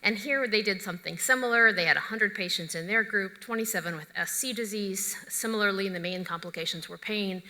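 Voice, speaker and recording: A woman's voice: medium pitch, fairly quick, hardly any pauses, bright, forceful tone. A middle-aged woman physician giving a conference lecture, conversational and opinionated, with joking asides. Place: large conference hall. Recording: echoey lecture hall.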